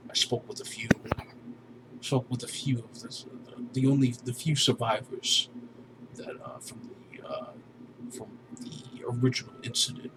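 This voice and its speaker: A man voicing a weary male alien mine overseer who speaks haltingly, with many pauses and restarts. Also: mid-range voice, fairly even intonation, noisy background, natural voice. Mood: grave. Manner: hesitant, halting, full of pauses. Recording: music playing behind.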